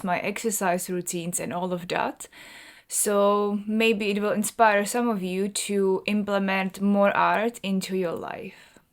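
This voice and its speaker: A woman in her thirties from the Czech Republic, a native Czech speaker, talking to camera in earnest and rambling fashion with many restarts. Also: mid-range voice. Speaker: artist and vlogger. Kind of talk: personal talk to camera.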